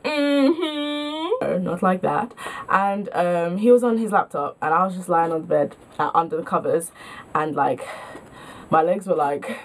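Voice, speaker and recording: A woman's voice: on the low side, moderate pace. A young woman tells stories to camera in a casual vlog. She talks in a chatty, self-mocking way. Her sentences are full of filler words. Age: young adult. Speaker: vlogger.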